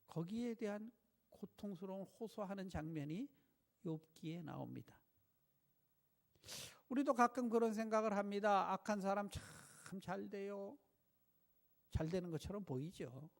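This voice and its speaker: A male pastor preaching a sermon, putting rhetorical questions to the congregation in an animated way. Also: high-pitched, measured pace, creaky, pauses often.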